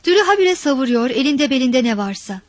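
High-voiced woman reading a story. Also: a little fast, no echo. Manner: expressive, dramatic narration.

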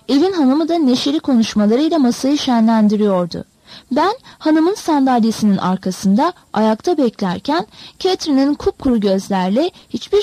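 A woman narrating a novel in a measured, expressive storytelling manner. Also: high voice, no room sound. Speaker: audiobook narrator.

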